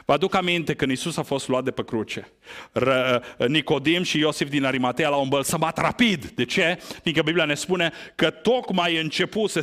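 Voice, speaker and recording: A man preaching a sermon, asking rhetorical questions and stressing his points with big rises and falls in pitch. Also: a bit bright. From Romania. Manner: emphatic, rhetorical questions, wide swings in pitch.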